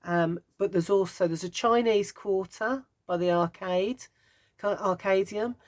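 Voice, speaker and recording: A woman's voice: mid-range voice, a little slow, a little mellow. Chatty Brummie woman in her fifties. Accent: Birmingham (Brummie). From Birmingham, England. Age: 50s. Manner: chatty, meandering, wry humour. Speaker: craft vlogger. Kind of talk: casual chat.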